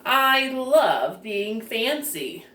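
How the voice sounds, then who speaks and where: Reading a picture book aloud to young children, a woman enunciates carefully and expressively in a fairly high, sing-song voice. She goes very slowly with a slightly bright tone, and a distant microphone picks up roomy echo and slight background noise.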